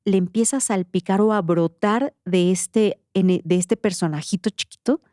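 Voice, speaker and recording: A woman's voice: medium pitch, normal speed, dry recording, clean studio sound. Mexican woman telling a story, slangy. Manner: slangy, animated retelling. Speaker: podcast host. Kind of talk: casual storytelling.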